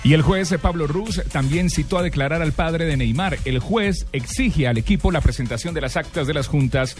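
A man's voice: fairly high pitch, moderate pace, faint music behind. A man with a Colombian accent reporting sports news conversationally on a radio show.

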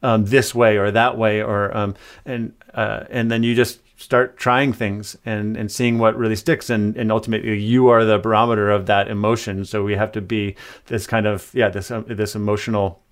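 A man's voice: fairly low pitch, little pitch movement, normal speed, hardly any pauses. A man, a composer guest, explaining his work on a remote interview call, thoughtful and full of hesitant fillers. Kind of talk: conversational interview answers.

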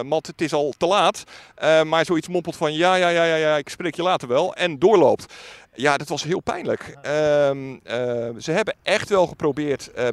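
A man, a former political reporter, recounting events in an interview, halting with many filler sounds. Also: fairly high pitch, no echo.

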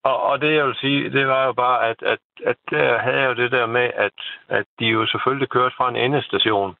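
A man's voice: medium pitch, steady tone, vocal fry. A middle-aged man calling in over the phone, chatting casually and rambling with repeated words and tag questions. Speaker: caller. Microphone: telephone. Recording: tinny phone line.

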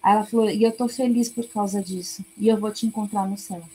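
A woman missionary telling a lively testimony, acting out the voices in her story. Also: mid-range voice, fast talker, slightly rough, poor audio. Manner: animated, acts out her own lines. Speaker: missionary guest.

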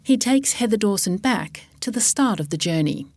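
A woman, hosting a podcast and reading a scripted introduction in a smooth read-aloud way. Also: mid-range voice, animated, normal speed, a little mellow, dry recording, studio quality. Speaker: podcast host.

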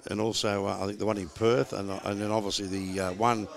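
Laconic Australian man with a creaky drawl. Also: on the low side, flat delivery, fast talker. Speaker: podcast host. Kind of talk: casual outdoor-lifestyle podcast chat.

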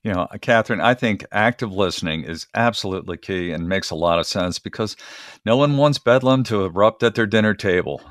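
A man's voice: on the low side, brisk, a bit bright, no room sound, studio quality. A man acting as interviewer, genial and somewhat formal and wordy, in a conversational but prepared-sounding style. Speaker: interviewer, co-host.

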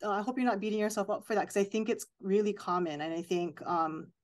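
A woman's voice: medium pitch, fairly even intonation, fast talker. Earnest woman podcast host. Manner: earnest, reflective, supportive. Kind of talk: radio-style interview talk.

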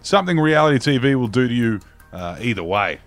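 A man's voice: medium pitch, animated, fairly quick, soft background music. Dry, blokey Queensland Australian man. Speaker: co-host of satirical news show. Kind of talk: deadpan mock-news banter.

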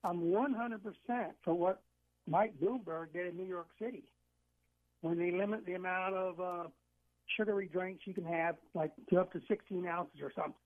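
Male caller from Georgia, high voice, tinny phone line, emphatic and insistent. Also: steady tone, normal speed. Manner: emphatic, insistent, repeats himself. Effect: heard over a phone line. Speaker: radio call-in caller. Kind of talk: call-in opinion talk.

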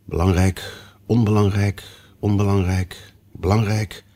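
A man voicing a pompous, flustered old king in a storybook reading, slow and solemn. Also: fairly low pitch, sing-song, slightly rough.

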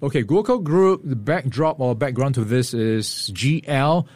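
A man co-hosting a radio market report, brisk and lightly playful, a little hoarse. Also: mid-range voice, animated, darkish tone, no room sound. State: slightly hoarse. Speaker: market news co-host. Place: radio studio. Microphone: studio microphone.

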